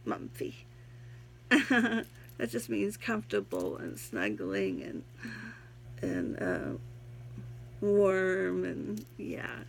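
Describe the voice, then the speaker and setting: A tired woman vlogger with a gravelly voice and slightly soft R sounds, talking in a playful, rambling, giggly way in a casual devotional style. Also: medium pitch, big pitch swings, drawn-out words, pauses often, slight background noise, low-quality recording. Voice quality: trouble pronouncing R sounds. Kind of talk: casual devotional vlog with poem reading.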